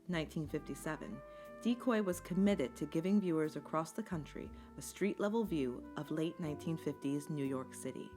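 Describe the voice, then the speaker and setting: A woman with a deep-set voice narrates a scripted documentary essay. Her delivery is measured and articulate, in the manner of a storyteller. Instrumental music plays softly behind her. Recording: music bed under the voice.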